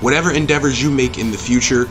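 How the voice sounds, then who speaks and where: Against a noisy background, a man talks fast in a medium-pitched voice. The video game movie reviewer and channel host delivers an opinionated rant, bluntly emphatic and profane, driving points home by repeating phrases.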